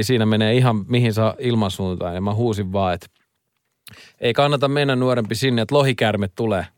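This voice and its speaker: A man's voice: medium pitch, smooth, no room sound, clean studio sound. A man in his thirties hosting a radio show, chatting casually and telling rambling stories with lots of fillers. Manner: lively, rambling storyteller with many fillers. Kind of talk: casual studio chat.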